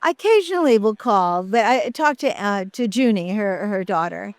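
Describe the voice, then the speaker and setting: Older woman guest, halting and reminiscent, clean close-miked sound. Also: medium pitch, animated, dry recording. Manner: halting, many fillers and restarts. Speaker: interview guest, actress. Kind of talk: casual interview reminiscing.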